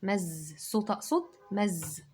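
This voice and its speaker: A woman's voice: mid-range voice, normal speed, darkish tone, husky. A woman with an Egyptian Arabic accent giving a children's dictation lesson, stretching out each syllable as she dictates. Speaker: teacher.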